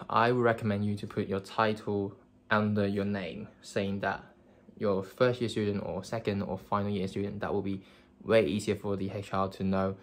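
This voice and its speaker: Speaking casually to the camera, this career advice vlogger is a young man from Hong Kong with Cantonese as his native tongue. His voice is low and flat, and his earnest delivery is full of fillers and false starts.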